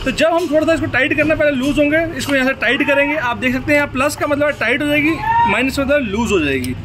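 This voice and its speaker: A man's voice: very high-pitched, animated, quick pace, background noise. A young man explaining step by step how to set up and start a machine, talking to viewers. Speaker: product demonstrator. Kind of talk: hands-on product demonstration.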